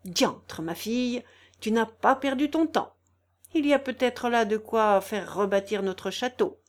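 A woman voicing a scolding, sharp-tongued older housekeeper who chides loudly in a storybook reading. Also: fairly high pitch, measured pace, lightly acted. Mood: chiding. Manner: loud, chiding, exasperated.

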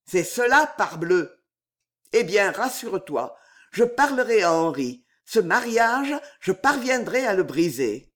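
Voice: mid-range voice, big pitch swings, measured pace, fairly bright tone, pitched above the performer's own voice. A reader voicing an aging fatherly financier, pleading and reassuring, in an audiobook. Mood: coaxing. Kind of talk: audiobook character reading.

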